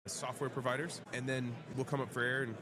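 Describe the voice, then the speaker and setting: A man's voice: mid-range voice, little pitch movement, a little fast. A man speaking as a guest on a panel at a convention showroom floor, thoughtful and often adding "right?" at the end of a point. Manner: thoughtful, frequent "right?" tags. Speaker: guest, fleet charging developer. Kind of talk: panel discussion. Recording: crowd chatter behind. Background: crowd of convention visitors.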